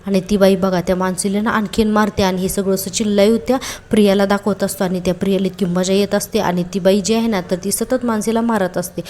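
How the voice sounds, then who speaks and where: A woman's voice: mid-range voice, steady tone, quick pace, darkish tone. Chatty woman recapping a soap episode. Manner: chatty, exclaiming, retells scenes with quoted dialogue. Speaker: serial episode reviewer.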